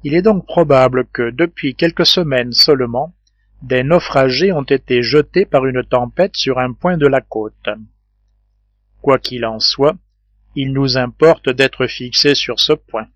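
A man reading a calm, reasoning engineer. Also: medium pitch, a little slow, no echo, dull audio, lightly acted. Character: calm, thoughtful male engineer and leader.

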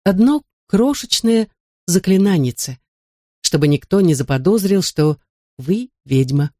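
Narrator playing Chrestomanci-type enchanter, polite, wry, drawn-out teasing, dry sound. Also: medium pitch, animated, no room sound, lightly acted. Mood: amused. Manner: polite, unhurried, gently mocking. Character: calm, wry, powerful enchanter. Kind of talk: audiobook character voice.

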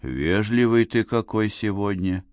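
A man's voice: fairly low pitch, expressive, measured pace, a little mellow, no echo. A man doing a whiny, hungover drunk. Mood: groaning. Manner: moaning, complaining. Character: hungover male small-time drunk, whiny. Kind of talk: audiobook character voice.

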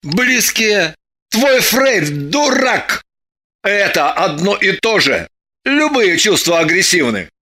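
A high, bright male voice for an exasperated, jealous young man, played by a male actor. He scolds and mocks with theatrical sarcasm. It is a storybook reading. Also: sing-song, takes it slowly, full character voice. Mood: sardonic. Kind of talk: audiobook dialogue.

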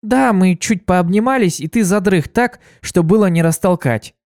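Brief: a man doing a sly blue pony mare, bubbly and teasing, pitched high, dry close sound. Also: normal speed, darkish tone, no room sound. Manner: bubbly, teasing, turns menacing. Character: cheerful sly blue female pony, fiercely protective.

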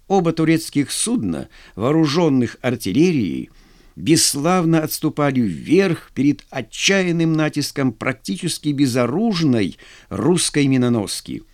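A male narrator reads a scripted audiobook with dramatic storytelling. His pitch sits mid-range but moves in a lively way. The recording is close and dry, with no room echo.

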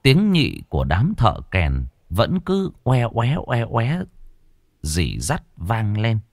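A man's voice: on the low side, huge pitch swings, slow pace, dry recording, studio quality. Suspenseful male storyteller. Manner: dramatic, suspenseful. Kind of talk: horror story narration.

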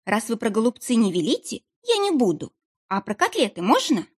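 A woman's voice: fairly high pitch, wildly swooping pitch, fairly quick, husky, pitched above the performer's own voice, exaggerated voice. A woman voicing a young woman who plays dumb in a pitiful, trembling voice and rambles on nervously. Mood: pitiful chatter. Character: young woman playing a whiny simpleton.

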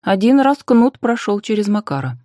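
A woman reading fantasy narration for an audiobook in an even, measured storytelling manner, close to the studio mic. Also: mid-range voice, no echo.

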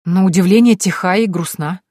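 A woman's voice: lowish voice, fairly quick, mellow, dry recording, clean studio sound, close to an everyday voice. A woman voicing a cheerful, loyal young male servant who talks eagerly.

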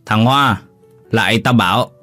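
A man's voice: lowish voice, measured pace, sharp tone, soft background music. A man voicing a bossy rich landlord who talks in a curt, commanding way.

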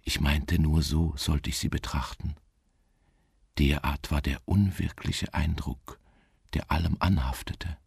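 In slow radio-drama narration, a lonely wanderer tells a melancholy gothic story with a dreamy, hushed feel. The voice is exaggerated, extremely deep, gravelly and husky, steady in tone, and each phrase is delivered with brooding deliberation in a close, dry recording.

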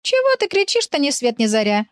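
A woman doing a flustered, chatty village lady who complains in a lively, swooping voice. She is heard in a dry, close recording with no room sound. It is an audiobook character voice. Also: sits high, fairly quick, dry recording, voice pushed up. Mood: exasperated. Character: talkative flustered village woman, pet owner.

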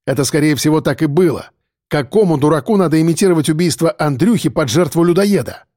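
A man's voice: a little high, animated, fast talker, mellow, no room sound, studio quality, close to an everyday voice. A man voicing a nervous, evasive male police chief who talks defensively. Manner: defensive, muttering.

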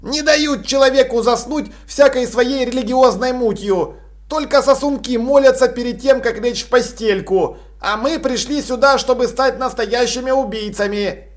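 A man's voice: very high voice, normal speed, pitched above the performer's own voice. A man voicing a cocky, skinny schoolboy who sneers in a mock-soothing way.

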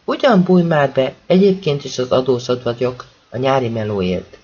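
A man voicing a gentle, fatherly older man with a soft, coaxing way of speaking. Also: medium pitch, very animated, slightly rough, dull audio.

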